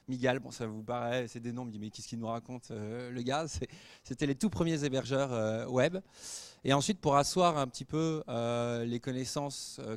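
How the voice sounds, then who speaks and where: A man in his forties, a guest speaker telling anecdotes to students in a lively way, with many fillers. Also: medium pitch. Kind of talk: storytelling talk to students.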